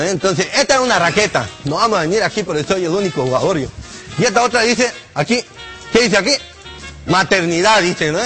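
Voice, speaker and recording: A man's voice: high-pitched, a bit bright. Rambling, cursing man, a comedian in character. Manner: rambling, swears often, laughs at his own jokes. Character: old male delivery-room assistant, crude, rambling, complaining. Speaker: comedian doing a character monologue. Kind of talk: comic character monologue to camera.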